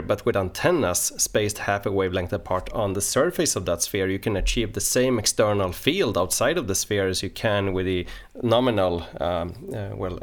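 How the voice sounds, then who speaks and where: A man with a lowish voice hosts a technical podcast. He talks carefully and haltingly, building long-winded questions and qualifications as he goes. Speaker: podcast host.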